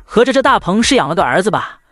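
Quick and sing-song, this high, fairly bright male voice delivers a jokey recap of a short drama over clips. Mockery runs throughout, with quipping asides sprinkled in.

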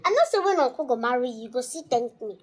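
A woman's voice: fairly high pitch, animated, fast. An actress in a Nollywood film playing a defiant, boastful young woman who mocks and laughs, speaking with a Nigerian Pidgin accent. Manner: boastful, mocking, laughs often. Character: brash, defiant young woman scheming for a man. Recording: film soundtrack with music underneath.

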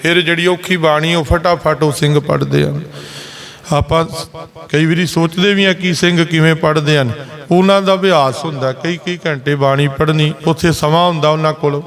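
A man giving a Sikh sermon, explaining scripture slowly and chanting its verses between his explanations. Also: fairly high pitch, fairly even intonation. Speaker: Sikh preacher giving katha. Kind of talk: sermon with sung scripture lines. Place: gurdwara.

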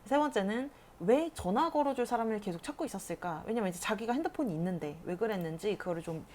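Fast-talking woman retelling a story. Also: mid-range voice, animated, a little mellow, slight background noise. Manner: casual storytelling with fillers, briefly voicing characters. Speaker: reading teacher. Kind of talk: retelling a children's story in a lesson.

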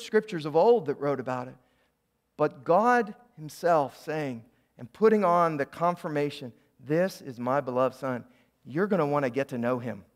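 A pastor preaches to his congregation, his voice sitting high for a man. He talks in an interactive way, breaking off and restarting phrases. He calls on the room to repeat lines after him. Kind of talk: sermon. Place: church sanctuary.

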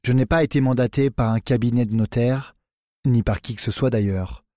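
A man voicing a grave, secretive man slowly confessing the truth. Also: medium pitch, fairly even intonation, dry recording, clean studio sound, close to an everyday voice. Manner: grave, deliberate, hushed.

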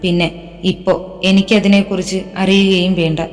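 Brief: gentle young heroine, voiced by a woman narrator, storybook serial, roomy sound over music. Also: mid-range voice, flat delivery, normal speed, natural voice. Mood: calm. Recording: reverberant with background music.

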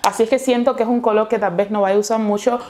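A woman's voice: a little high, steady tone, fast, darkish tone, a little hiss or hum. A woman with a Chilean accent, chatting casually and gushing as she tries out eyeshadows in a makeup tutorial. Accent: Chilean Spanish. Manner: chatty, gushing over products. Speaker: beauty vlogger.

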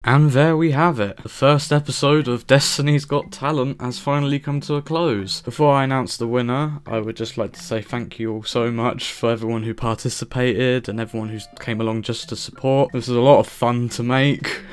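A man's voice: medium pitch, fairly even intonation, moderate pace, hardly any pauses, clean tone. A man hosting an online talent show over voice chat, upbeat and presenter-like.

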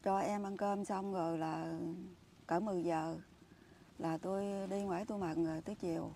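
A woman's voice: fairly low pitch, fairly even intonation, normal speed, mellow, slight background noise. An older woman with a Southern Vietnamese Mekong Delta accent, earnestly recounting her hardships to an interviewer. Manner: earnest, emphatic storytelling. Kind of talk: personal account in an interview.

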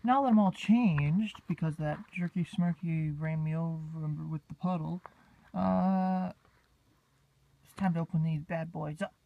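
The voice is mid-range, gravelly and unhurried, and the audio has its highs cut off. It belongs to a vlogger rambling playfully into a handheld phone, occasionally singing silly bits, while walking outdoors and spending time in a store and a room.

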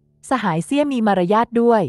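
A woman's voice: normal speed, no room sound, lightly acted. Wounded proud heroine in a fantasy audiobook, voiced by a woman, cold and cutting. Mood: angry. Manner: cold and sharp. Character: proud, wounded young female cultivator.

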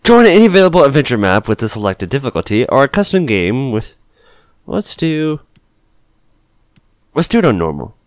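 A man's voice: mid-range voice, wildly swooping pitch, normal speed, long pauses, dry recording, clean studio sound. A man giving casual gameplay commentary, thinking aloud informally as he plays. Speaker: gaming video host.

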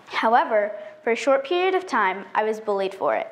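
A teenage girl delivers a prepared talk from an auditorium stage. Her voice sits slightly high and her delivery is careful and earnest. She is picked up by a stage mic at some distance. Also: very animated, fairly quick. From United States. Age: teen. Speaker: student speaker.

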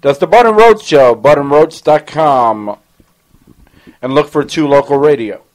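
A man's voice: on the high side, animated, unhurried, rough recording. A man co-hosting a casual radio show, making brief, laid-back quips and announcing the next show. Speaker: co-host. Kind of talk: casual banter and show sign-off.

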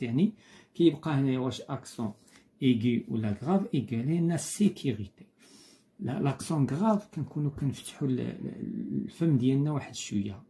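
Patient Moroccan teacher with a mellow voice. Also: male voice, medium pitch. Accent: Moroccan Arabic. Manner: patient, repeats key points, reads examples slowly. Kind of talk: explaining a school lesson.

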